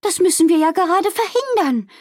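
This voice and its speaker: A woman's voice: very high-pitched, expressive, brisk, a little mellow, no echo, clean studio sound, voice pushed up. A woman voicing a worried, motherly innkeeper who talks urgently and emphatically.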